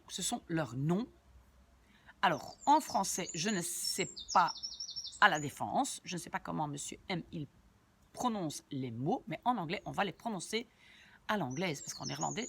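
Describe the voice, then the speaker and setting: Woman, language teacher, lower voice, lively pitch, patient word-by-word explaining. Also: vocal fry, slightly rough. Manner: patient, repeats and translates word by word; chatty asides to viewers. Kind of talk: language lesson explaining a sentence.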